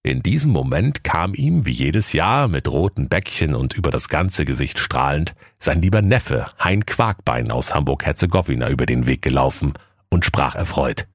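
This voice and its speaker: Very deep-voiced male storyteller. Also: lively intonation, normal speed, husky, dry recording, studio quality. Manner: playful, storytelling, mock-solemn. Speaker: narrator. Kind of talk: comic scripted narration.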